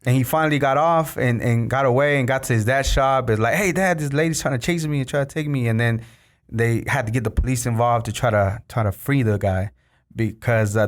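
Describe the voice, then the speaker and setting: A man's voice: medium pitch, fairly quick. A man from Mexico hosting a podcast, chatting casually and telling stories, often saying "you know" and "bro". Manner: storytelling, says "bro" and "you know" a lot. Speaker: podcast host. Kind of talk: casual interview chat.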